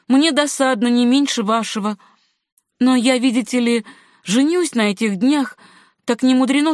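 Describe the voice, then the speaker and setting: Storybook role: woman playing a chatty, folksy young farmer, fairly high voice. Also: no echo, studio quality, close to an everyday voice. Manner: talkative, apologetic, folksy. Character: good-natured young male farmer and hunter, chatty. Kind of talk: audiobook reading.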